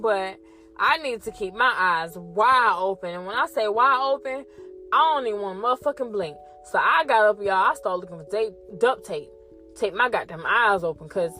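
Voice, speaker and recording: A young woman host telling a story in a casual, animated way, swearing often and talking straight to her listeners. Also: mid-range voice. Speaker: podcast host.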